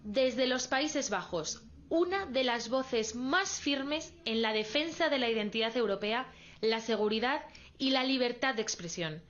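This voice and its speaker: A woman's voice: fairly high pitch, expressive, normal speed, a bit bright. A woman formally introducing a speaker as event announcer. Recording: dull sound over music. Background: music.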